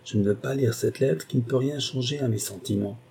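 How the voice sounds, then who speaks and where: A man reading a young magistrate, cold and measured. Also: mid-range voice, vocal fry, mellow, breathy edge. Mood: cold, indignant. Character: young male magistrate, restrained and indignant. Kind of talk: audiobook reading.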